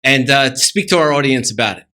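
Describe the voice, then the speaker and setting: A man with a bright, forceful voice co-hosts a radio show. He puts a casual, direct question to the guest from a bit off the mic. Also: medium pitch, a little fast. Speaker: radio co-host. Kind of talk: interview question.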